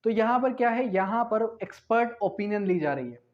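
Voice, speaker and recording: A man with a Pakistani accent delivers a didactic law lecture in an animated, brisk, high-pitched voice, asking questions and answering them himself. He switches between Urdu and English terms, and the lecture audio sounds dull and lo-fi.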